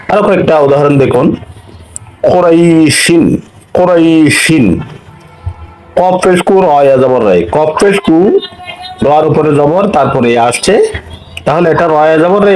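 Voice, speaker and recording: Higher-voiced man teaching Quran reading. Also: a little mellow, low-quality recording. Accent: Bangladeshi Bengali. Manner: spells out letters and vowel marks, repeats example words slowly. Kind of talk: slow step-by-step lesson.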